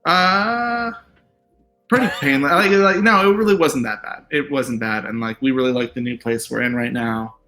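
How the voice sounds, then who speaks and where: A man with a bright, forceful voice chats about his work in a loose, easygoing way. He rambles, leaning on "like" and "um" as he goes. Faint music sits quietly behind him. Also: medium pitch, moderate pace. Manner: relaxed, rambling, many fillers and "like"s. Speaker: TV writer guest. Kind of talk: casual interview chat.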